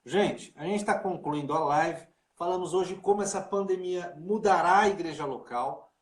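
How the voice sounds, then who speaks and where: A pastor hosts a casual livestream chat over a video call, speaking at a moderate pace in a high-sitting voice. He is talkative and informal, full of fillers like "né" and "cara", and the room sounds echoey.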